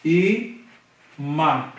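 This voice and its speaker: Slow Brazilian man teaching in echoey classroom. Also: fairly high pitch, lively intonation. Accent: Brazilian Portuguese. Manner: patient, repeats syllables slowly and checks with "tá?". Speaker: Hebrew literacy teacher. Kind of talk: classroom lesson, drilling syllables aloud. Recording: echoey room recorded from a distance.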